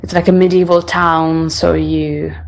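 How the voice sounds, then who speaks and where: A young Italian singer-songwriter speaks English with an Italian accent in a low, creaky voice, keeping a level tone and measured pace. In this casual interview she comes across as thoughtful, frequently restarting her sentences.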